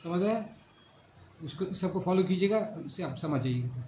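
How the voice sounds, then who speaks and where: A man's voice: high voice, lively intonation, moderate pace, darkish tone, a little hiss or hum. A middle-aged male professor lecturing a class, repeating each point and checking that students follow. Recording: echoey classroom with faint ambience.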